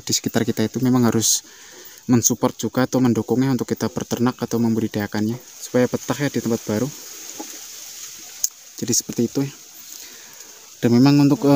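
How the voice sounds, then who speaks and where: A man hosting a beekeeping vlog, explaining in a casual, rambling way and often filling pauses with "eh" and "ya". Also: medium pitch, slight background noise. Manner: fast, flat, repeats fillers like "ya" and "eh". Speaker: beekeeping channel host.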